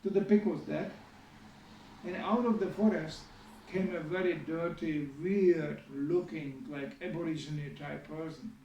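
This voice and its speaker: A man with a high yet mellow voice tells a sermon story, speaking conversationally and checking in with his listeners. He sounds distant from the mic in an echoey hall. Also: fairly even intonation, unhurried, dull audio, a little hiss or hum. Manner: conversational, many asides to the audience. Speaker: spiritual teacher giving a scripture class.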